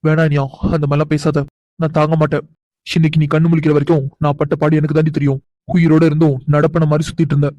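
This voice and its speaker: A low, flat, mellow voice for an affectionate cartoon husband who teases his wife and coaxes answers out of her, voiced by a woman. He talks quickly, and the sound is close and dry. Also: dry recording, muffled recording, close to an everyday voice. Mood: remorseful. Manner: teasing, chuckling, coaxing. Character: doting young husband, teasing and affectionate. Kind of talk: animated cartoon voice acting.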